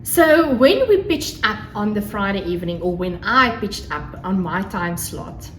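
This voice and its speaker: Speaking at a measured pace in an animated, medium-pitched voice, a South African woman whose home language is Afrikaans gushes casually to her audience on a solo craft podcast in vlog style. A fire crackles in the background, faint noise lingers, and the room echoes.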